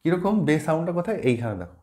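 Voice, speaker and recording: A man's voice: fairly high pitch, big pitch swings, rapid-fire, mellow. A man teaching a pronunciation lesson, patiently repeating words and letters and mixing in English terms. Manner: mixes in English words while explaining. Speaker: language teacher.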